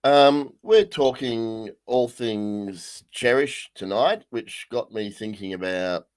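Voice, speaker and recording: A male pastor with a croaky, mid-range voice leads a livestreamed Bible study. His speech halts often, full of ums and restarts.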